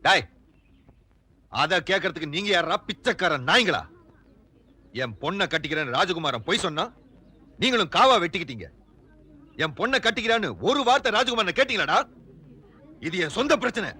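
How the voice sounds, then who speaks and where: An actor playing a harsh, bullying village father who barks contemptuous orders in a husky voice. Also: high voice, animated, fairly quick, long pauses, bright, forceful tone, heavily acted. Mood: scornful. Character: harsh, bullying rural patriarch. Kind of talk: 1990s film drama dialogue.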